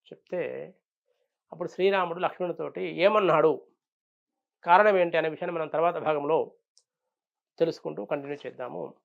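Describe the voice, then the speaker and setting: A man's voice: on the high side, fairly quick, creaky, pauses often. A man giving a devotional discourse as a spiritual teacher, explaining points patiently and posing rhetorical questions. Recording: dull lo-fi sound.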